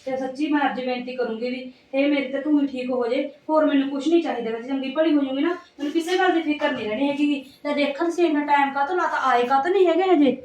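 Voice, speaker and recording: A woman's voice: high-pitched, fast, hardly any pauses, darkish tone. Chatty woman, echoey room. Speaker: devout daughter-in-law. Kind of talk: village comedy sketch acting.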